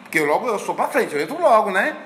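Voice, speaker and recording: High-voiced man in his fifties. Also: very animated, fast talker, a bit bright, slight background noise. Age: 50s. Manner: chatty storyteller, frequent tag questions. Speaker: course teacher. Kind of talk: conversational lecture with anecdotes.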